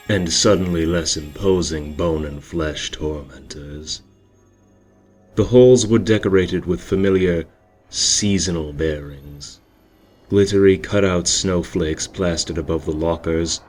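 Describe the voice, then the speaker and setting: A man with a deep, low voice reads a story in a steady, measured way. Soft music plays quietly under his narration.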